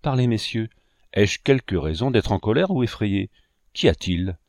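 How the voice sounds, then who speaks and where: A man reading aloud, voicing a calm, measured older painter who speaks like a father to his students. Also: lowish voice, no room sound, clean studio sound. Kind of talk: audiobook reading.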